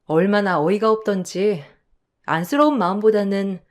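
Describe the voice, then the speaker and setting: A woman narrating a listener's story in a calm, soft, measured radio-style reading. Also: mid-range voice.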